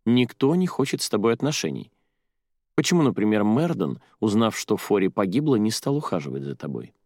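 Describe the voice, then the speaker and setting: A man's voice: fairly low pitch, sing-song, a little fast, a little mellow, no echo, studio quality. A man reading the mocking, lecturing inner voice of a young woman in an audiobook.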